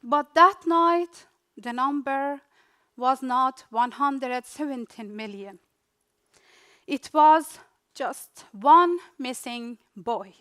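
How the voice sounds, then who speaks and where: A young Afghan refugee woman with a Dari-speaker's accent delivers a rehearsed speech about her own life. Her high, pushed, bright voice moves slowly and deliberately, giving each short, dramatic phrase its own unhurried beat between pauses.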